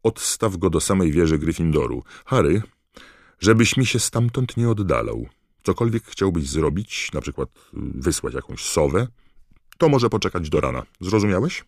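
A man reading aloud, voicing a stern old male wizard headmaster who gives firm, measured commands. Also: rumbling low, dry recording, clean studio sound.

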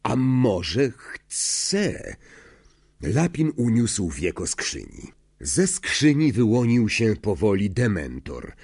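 A man narrating a storybook, expressive and animated, with small slips. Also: fairly low pitch, slow, slightly rough. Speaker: audiobook reader.

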